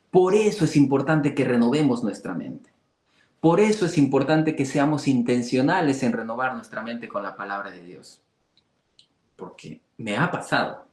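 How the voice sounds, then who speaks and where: A man's voice: mid-range voice, darkish tone, echoey room. A man teaching a conversational Bible study, asking rhetorical questions and acting out the voices of people he quotes.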